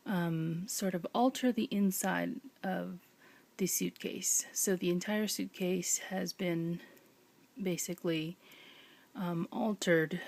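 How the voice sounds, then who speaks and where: A woman talks in a hushed whisper at home late at night, walking through a craft project in a relaxed show-and-tell. Her voice sits a little low and has a gravelly, creaky edge. She pauses often and fills the gaps with ums. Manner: whispering softly, with many ums. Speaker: crafting vlogger.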